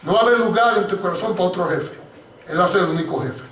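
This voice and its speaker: A man's voice: high-pitched, quick pace. A man preaching a sermon as pastor, telling a story and often calling to his listeners as brothers. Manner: animated preaching, addressing listeners as hermano. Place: church hall. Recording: echoey church recording from far off.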